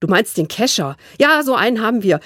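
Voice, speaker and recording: A woman's voice: fairly high pitch, sing-song, no echo, studio quality. A woman doing a spunky, teasing young girl. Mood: playful. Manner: quick, bright, joking. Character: lively young girl, quick-witted and teasing. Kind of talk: children's book reading.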